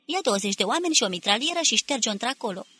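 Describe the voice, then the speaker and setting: A woman's voice: on the high side, expressive, pushed and bright, husky, exaggerated voice. Woman reading as a harsh, tired army captain. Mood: commanding. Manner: curt orders. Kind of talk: audiobook character reading.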